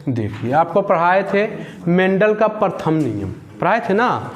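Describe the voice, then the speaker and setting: Young guy teaching class, keeps repeating q and a, slow and high. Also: very animated. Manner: repetitive question-and-answer drilling. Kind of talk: classroom lesson.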